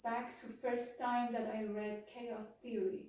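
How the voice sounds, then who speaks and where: A woman from Iran talks in a reflective, hesitant way, circling her ideas with fillers and restarts. Her voice sits a little high but sounds mellow and soft-edged. The room is very echoey and she is heard from some distance off the mic. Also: flat delivery, unhurried. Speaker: interview guest, complexity scientist. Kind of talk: reflective conversational interview. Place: campus room. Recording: roomy echo, mic at a distance.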